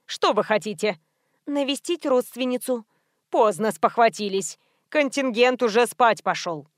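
A stern middle-aged guard woman speaks in short, blunt lines, voiced by a woman narrating a storybook. Her pitch is fairly high and the sound dry. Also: expressive, measured pace, dry recording. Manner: blunt, curt.

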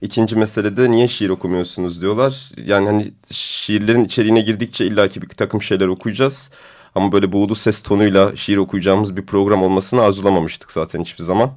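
A man hosting a radio discussion program, with a deep, booming voice and a relaxed, hesitant delivery full of fillers. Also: fast talker. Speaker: radio show host.

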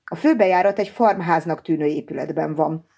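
A woman's voice: low voice, creaky, dark tone. A woman reading as a strained male scientist. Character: weakened male scientist, urgent and practical. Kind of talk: audiobook character reading.

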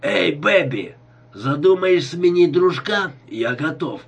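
A swaying drunk bellows crude taunts in a husky, hoarse-edged voice, as a male reader puts him on. His words come loud and lurching, with pitch swinging wildly. This is audiobook character reading. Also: lively intonation, slow pace, distant mic, lo-fi sound, exaggerated voice. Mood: leering.

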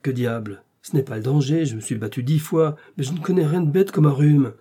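Brief: man doing a fussy, irritable gentleman grumbling, husky tone, audiobook. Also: mid-range voice, fairly even intonation, moderate pace. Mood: peevish. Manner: irritable, complaining. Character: reluctant male deputy, peevish and self-regarding.

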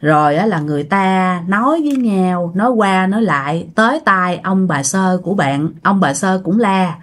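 A woman with a Southern Vietnamese accent narrating a ghost story in a chatty way, speaking straight to her listeners. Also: mid-range voice. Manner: chatty, addresses listeners directly.

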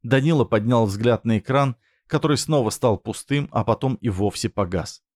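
A man narrating a dramatic story in a measured, dramatic reading style. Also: mid-range voice, darkish tone, dry recording, clean studio sound.

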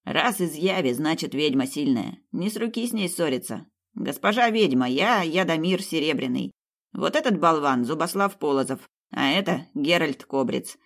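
A woman voicing a flattering young snake-man from a fairy tale, courteous and effusive. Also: low-pitched, normal speed. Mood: eager. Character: blond freckled snake-man, eager and flattering.

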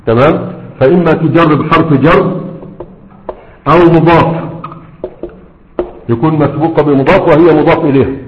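A man with an Egyptian Arabic accent teaching a grammar lesson. He slows down to recite examples and keeps checking that the class follows him. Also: a little high. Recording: roomy hall echo, dull lo-fi sound.

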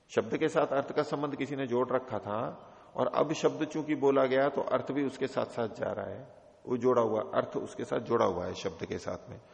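A man with a gravelly voice gives a scripture commentary lecture. He recites Sanskrit slowly and then explains it step by step. The recording is dull and muffled, with a long reverb from a large hall. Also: medium pitch. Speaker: Sanskrit philosophy teacher.

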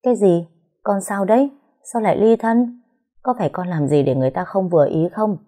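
A woman's voice: mid-range voice, a little fast, warm tone, natural voice. A woman voicing an anxious older mother from the countryside, pleading and scolding. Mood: fretful. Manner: fretful, pleading.

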